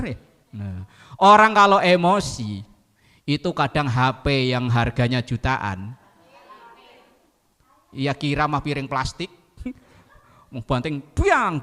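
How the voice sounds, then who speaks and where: A man's voice: on the high side, long reverb tail. A man giving a sermon to a congregation, telling jokey stories and acting out quotes. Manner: lively, jokey storytelling with acted quotes. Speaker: preacher.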